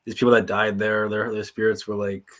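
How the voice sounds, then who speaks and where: A man's voice: fairly low pitch, little pitch movement, brisk, fairly bright tone. A man chatting casually on a reaction stream, rambling loosely and filling his talk with fillers. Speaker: stream co-host reacting to videos. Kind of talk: casual chat.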